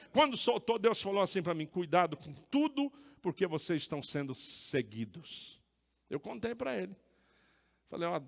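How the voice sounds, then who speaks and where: A man preaching as a pastor, telling a story with lively acted-out dialogue. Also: sits high, vocal fry. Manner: animated, acts out dialogue in the story. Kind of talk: sermon with storytelling. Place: church. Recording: church hall reverb.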